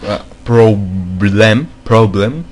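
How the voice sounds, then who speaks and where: Speaking extremely slowly in a fairly low, darkish voice, a game modding tutorial maker whose native language isn't English narrates a screen recording. He's hesitant, with lots of fillers and repeated words, and a little hiss or hum sits underneath.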